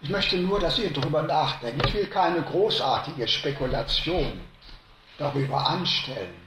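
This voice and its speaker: A man preaching a sermon to a congregation, slow and emphatic, rising to loud stresses and dropping to hushed lines. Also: fairly high pitch, lively intonation, reverberant, background noise.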